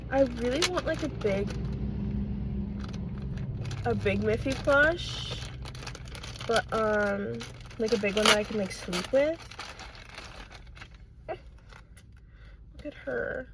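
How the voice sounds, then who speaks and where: A young adult woman chatting casually and excitably as she films an unboxing, given to gushing exclamations. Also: a little high, takes it slowly, pauses often, very noisy. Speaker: unboxing vlogger.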